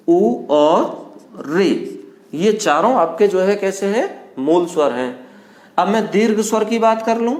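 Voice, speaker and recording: Male grammar teacher, high voice, quizzes his students and answers himself, stretches vowels slowly, roomy classroom sound. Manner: asks the class questions and answers them himself, addresses students as beta; draws vowels out slowly to show their length. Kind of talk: classroom lecture. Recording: echoey classroom.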